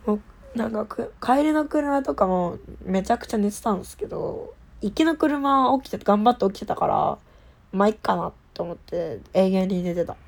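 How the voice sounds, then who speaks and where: A woman's voice: mid-range voice, animated, moderate pace, gravelly. Female idol host, casual solo talk, heavily fried and nasal from a cold, childlike playful phrasing. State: slightly stuffy nose. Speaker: idol group member hosting her solo talk show. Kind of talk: casual solo chat to listeners.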